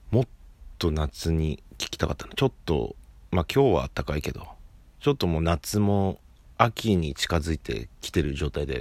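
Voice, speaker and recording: A man with a very low voice chats on his own podcast, rambling from one gripe to the next. He speaks close to the mic in a dry room and often drops his voice to a mutter when he mocks himself. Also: a little mellow, dry recording. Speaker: podcast host. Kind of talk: casual solo chat.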